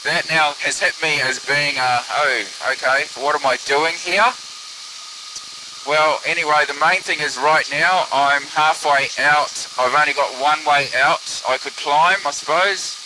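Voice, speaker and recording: A man's voice: a little high, a little slow, few pauses. A man piloting a microlight gives casual, musing running commentary through a pilot's headset, as if over the radio. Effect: pilot's headset or radio sound. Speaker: microlight pilot filming own flight. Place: open microlight aircraft in flight. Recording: steady aircraft engine and wind hiss.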